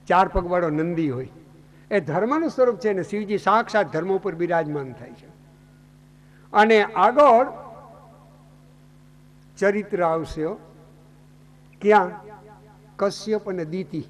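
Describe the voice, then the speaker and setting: High-voiced man telling a devotional story. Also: slight background noise. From Gujarat. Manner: dramatic storytelling with rhetorical questions. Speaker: Bhagavata katha speaker.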